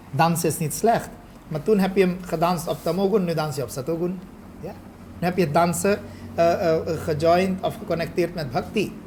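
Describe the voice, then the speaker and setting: A man, a spiritual teacher, giving a study lecture and often checking in with a quick "ja?" and a rhetorical question. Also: fairly high pitch, slight background noise. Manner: explains with frequent rhetorical questions and "ja?" checks, mixes in English phrases.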